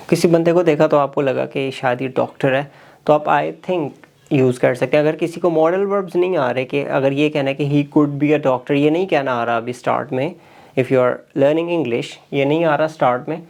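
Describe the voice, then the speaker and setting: A man teaching a spoken language lesson, slowly and deliberately drilling and repeating example sentences. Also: on the high side, gravelly, a little mellow. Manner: switches between explaining and drilling examples. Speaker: English teacher.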